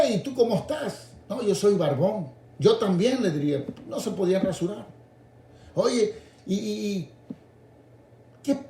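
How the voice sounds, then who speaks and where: Male preacher, radio sermon, lively pitch that dips low then climbs to shouts, echoey room. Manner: swings between low intimate asides and raised, shouted appeals; addresses listeners directly as "hermano".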